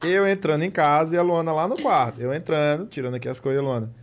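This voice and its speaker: A man telling an anecdote as a podcast guest in a casual, animated way. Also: fairly high pitch, fast talker. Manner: animated, acts out shrieks when quoting. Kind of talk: casual storytelling.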